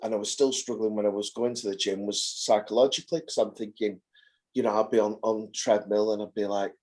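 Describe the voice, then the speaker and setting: A man in his forties with a somewhat low voice shares his experience in a support group over a video call. He talks hesitantly, restarting and repeating his words as he works out what to say. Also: steady tone, brisk, a little mellow. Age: 40s. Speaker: carer and group participant. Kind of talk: casual group chat.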